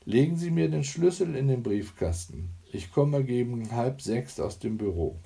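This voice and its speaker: A brusque woman of 45 speaks with dry mockery and clipped impatience, voiced by a man reading an audiobook. The pitch is raised a little above his own dark, gravelly voice, and the delivery turns quick and sharp. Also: lively intonation. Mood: sardonic. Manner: mocking, curt. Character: sardonic 45-year-old secretary woman, brusque.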